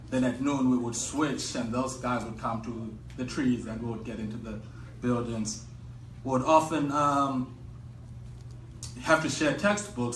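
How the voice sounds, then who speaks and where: A man's voice: mid-range voice, a bit bright. Zimbabwean man telling a story on stage. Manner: measured, reflective, pausing often. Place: event venue with an audience. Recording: echoey room, distant mic, faint noise.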